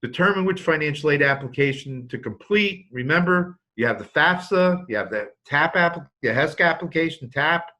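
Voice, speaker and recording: Brief: fifties man presenting financial aid to parents, folksy and anecdotal, with a bright tone. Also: a little high, animated, normal speed, few pauses, dull audio. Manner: anecdotal, joking, with many restarts. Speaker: college financial aid speaker. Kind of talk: informational talk to parents.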